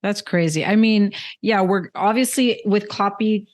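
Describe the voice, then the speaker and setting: A woman's voice: medium pitch, unhurried. A woman hosting an interview podcast, curious, asking long winding questions in casual talk. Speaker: podcast host.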